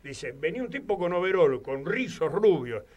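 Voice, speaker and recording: A man with an Argentine Spanish accent, a guest on a radio talk show, rambling through animated anecdotes. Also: high voice, normal speed, dull audio. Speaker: guest commentator. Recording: studio radio microphone.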